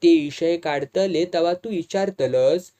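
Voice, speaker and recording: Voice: mid-range voice, takes it slowly, mellow, natural voice. A reader voicing a hot-tempered young village man with a Malvani accent, pressing insistently in an audiobook. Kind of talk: audiobook dialogue reading.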